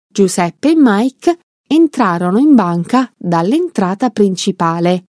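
A woman narrating a story aloud in a slow, careful reading. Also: medium pitch, dark tone, no echo, clean studio sound.

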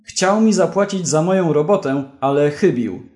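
A man voicing a cocky young male smuggler who shouts urgently amid danger. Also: a little high, lively intonation, moderate pace, lightly acted.

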